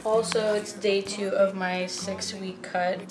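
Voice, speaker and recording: Slow and flat, this woman's mid-range voice belongs to a fitness vlogger in her twenties. She talks casually to her phone camera at home, chatty but a bit self-conscious, holding the phone at arm's length across home rooms, a gym room and a parked car.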